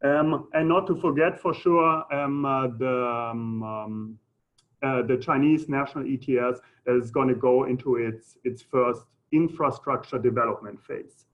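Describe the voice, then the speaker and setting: A man from Germany with a German accent, giving an informal presentation in a halting, hesitant way. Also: medium pitch. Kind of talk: informal conference presentation with audience questions. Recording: muffled phone-like audio.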